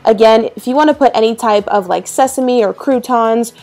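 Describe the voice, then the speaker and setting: A young woman vlogger chats to the camera in a bright, upbeat way, filling her talk with ums and likes. Her voice sits a little high, with faint music running quietly behind her. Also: moderate pace. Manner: chatty, upbeat, many "um" and "like". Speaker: lifestyle vlogger. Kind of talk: casual chat to camera; voice-over cooking tutorial. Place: bedroom with clothes rack behind. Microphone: camera framed from the waist up.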